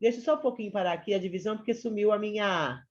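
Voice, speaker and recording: A Brazilian woman teaches an online class, talking to her students in a chatty, checking-in way. Her voice sits at an ordinary middle pitch. The sound is a bit dull and lo-fi, as from a computer mic on a video call. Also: very fast. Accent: Brazilian Portuguese. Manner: chatty, addresses students as "gente" and "galera".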